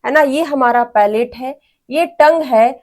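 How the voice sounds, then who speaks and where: A woman's voice: sits high, a little slow. A woman teacher giving an exam-prep lecture. She explains patiently, sounds out each syllable and has students repeat after her. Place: teaching room with a board.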